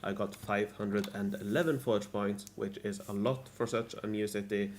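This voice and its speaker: A man's voice: fairly low pitch, fairly even intonation, moderate pace, slight background noise. A man narrating a scripted recap of his strategy game week, restarting and repeating his lines. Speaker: gaming video creator.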